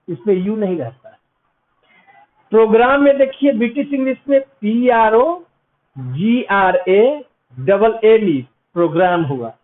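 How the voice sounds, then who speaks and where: A man teaching an English lesson in Hindi, repeating English phrases slowly and spelling words out letter by letter. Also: sits high. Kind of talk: classroom lecture. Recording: tinny phone-like lo-fi sound.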